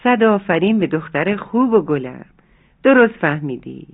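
Narrator as a gentle loving mother. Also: mid-range voice. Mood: tender, calm. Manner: calm, tender explaining. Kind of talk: children's storybook reading. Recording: narrow phone-like sound, faint music.

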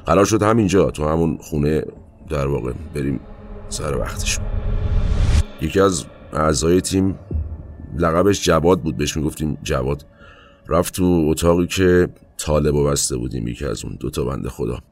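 Very deep-voiced man recalling his past. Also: darkish tone, slight background noise. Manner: colloquial, with halting asides and trailing fillers. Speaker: narrator recounting his own past. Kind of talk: first-person spoken recollection.

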